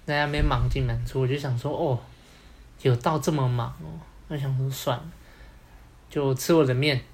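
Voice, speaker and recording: A man's voice: mid-range voice, fairly even intonation, moderate pace, a little mellow. Rambling Taiwanese-accented young man storyteller. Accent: Taiwanese Mandarin. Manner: rambling, full of fillers like "对" and "然后". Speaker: podcast co-host. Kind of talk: casual storytelling chat.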